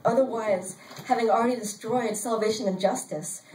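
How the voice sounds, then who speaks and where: An older woman reading her own story aloud at a live event, in a wry, deadpan storytelling manner. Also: fairly high pitch, moderate pace, distant mic. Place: bar event space, indoors. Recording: roomy sound from off-mic, faint crowd noise.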